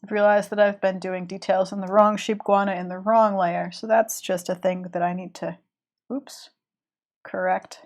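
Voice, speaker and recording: A woman's voice: medium pitch, little pitch movement, normal speed. Sex: woman. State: has a cold. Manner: rambling. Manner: rambling, chatty, many restarts and fillers. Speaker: live-streaming illustrator. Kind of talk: casual chat while drawing.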